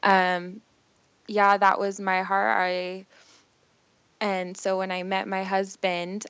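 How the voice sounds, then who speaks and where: A young American woman with a fairly low, smooth voice shares her personal story earnestly and from the heart as a podcast guest, in a casual, conversational way. She lived in Costa Rica and Chile until she was six, then moved to the US. The recording has no echo, but the highs are cut off.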